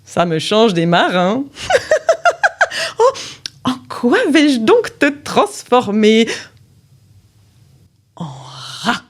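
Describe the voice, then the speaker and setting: A woman voicing a cruel, gloating female sorceress who mocks slowly and cackles, in a children's storybook reading. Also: a little high, wildly swooping pitch, full character voice. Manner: cackling, slow and mocking.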